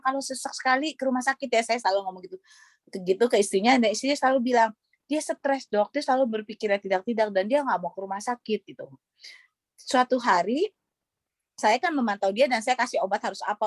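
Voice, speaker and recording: A woman's voice: medium pitch, no echo. Earnest woman doctor retelling a patient's story over a dry video-call line. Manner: earnest, retells dialogue, frequent fillers. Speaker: doctor and panelist. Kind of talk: testimony on an online panel.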